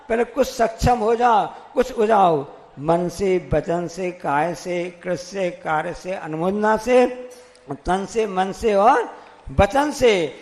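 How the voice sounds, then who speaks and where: Monk man preaching a sermon, high gravelly voice, big echoey hall. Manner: storytelling with acted quotes and repeated phrases. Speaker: Jain monk.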